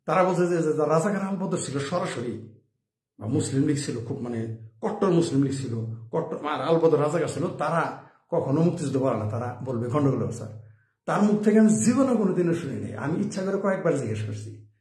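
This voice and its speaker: A man's voice: a little high, lively intonation, brisk, darkish tone. A man delivering an opinionated commentary monologue, firing off rhetorical questions. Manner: rhetorical questions, chuckles at own points. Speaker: political commentator. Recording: roomy, echoey room sound.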